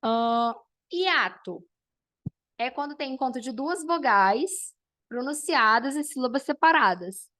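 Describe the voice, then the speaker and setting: A woman's voice: high-pitched, animated, takes it slowly, pushed and bright. A woman teacher, teaching an online class and explaining step by step while checking in with her students.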